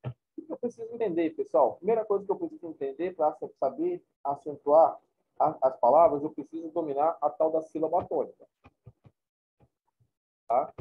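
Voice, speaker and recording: Husky-voiced male teacher lecturing class. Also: fairly high pitch, very animated, moderate pace. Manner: informal, repeats points, checks in with "tá?". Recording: tinny phone-like recording.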